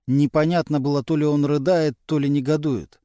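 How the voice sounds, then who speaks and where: A man narrating a crime novel as an audiobook, in an even, unhurried storytelling manner. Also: fairly high pitch, no echo, clean studio sound. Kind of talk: scripted narration.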